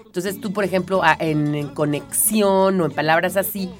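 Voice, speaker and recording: A woman's voice: fairly low pitch, moderate pace, soft background music. A woman from Mexico with a Mexican accent, co-hosting an explanatory chat and walking through ideas patiently, often checking in with her listener. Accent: Mexican Spanish. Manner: explains patiently, often tags "¿no?" and fills with "este". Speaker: co-host.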